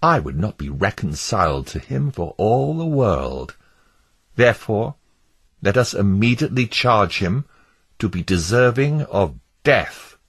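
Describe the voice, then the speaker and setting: A man's voice: lowish voice, very animated, unhurried, fairly bright tone, slightly rough, pitched above the performer's own voice, exaggerated voice. A man voicing an unforgiving, unyielding male juror in a storybook reading, speaking firmly and insistently. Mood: unrelenting.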